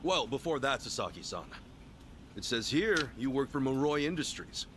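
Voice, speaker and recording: An actor playing a modest, earnest job counselor in a video game, speaking formally and courteously but firmly. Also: male voice, medium pitch, expressive, moderate pace, noisy background, lightly acted. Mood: polite, probing.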